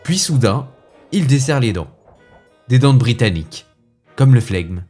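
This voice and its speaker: A man playing a fussy, indignant gentleman who rants with theatrical asides, as in a comic stage monologue. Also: mid-range voice, expressive, measured pace, faint music behind, pitched above the performer's own voice. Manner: huffy, ranting, theatrical asides.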